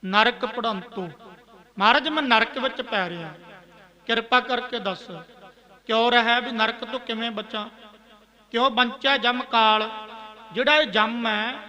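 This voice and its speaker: High bright-voiced Punjabi preacher. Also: male voice. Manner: chants verses slowly, then explains in plain talk. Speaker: Sikh preacher. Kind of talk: sermon explaining scripture.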